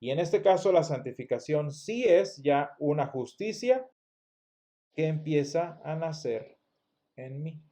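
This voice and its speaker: A man's voice: fairly high pitch, expressive, slow pace, warm tone. Man teaching a church Bible lesson. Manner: explanatory, asks the class rhetorical questions; restarts words often. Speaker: Sunday school teacher.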